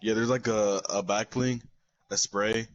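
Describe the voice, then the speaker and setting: A man's voice: lowish voice, steady tone, measured pace, lo-fi sound. A young man in casual gaming chat who talks bluntly, swears often and trips over his words. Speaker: friend on call.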